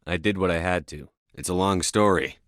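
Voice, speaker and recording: A man playing a composed, tough, businesslike space navy commander in a video game, with measured, clipped delivery. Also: sits low, a bit bright, no room sound, clean studio sound. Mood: calm, guarded. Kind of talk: scripted video game dialogue.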